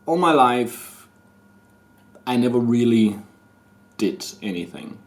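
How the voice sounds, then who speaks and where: An animated man with a mid-range voice and a Danish accent, in his thirties, vlogs a personal confession into his camera mic. He rambles and halts, restarting often and leaning on fillers.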